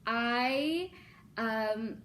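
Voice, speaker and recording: Chatty young woman with a slow, easy delivery. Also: a little high. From born in Libya, Filipino. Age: 20s. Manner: chatty, lots of ums and likes, excitable. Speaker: YouTuber. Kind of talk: casual facts vlog.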